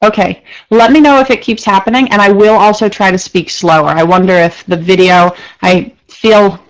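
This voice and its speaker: A woman gives a live online marketing lecture, rushing through her points at speed. Her delivery is chatty and informal, full of fillers and quick restarts. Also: mid-range voice, poor audio. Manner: fast-talking, says she speaks fast when excited. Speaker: marketing instructor.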